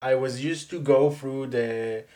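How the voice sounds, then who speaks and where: A Hebrew speaker with an Israeli accent chats in English during a relaxed interview. Her mid-range voice is lively and quick to break into laughter, and her talk is full of "like" and sentences she begins again.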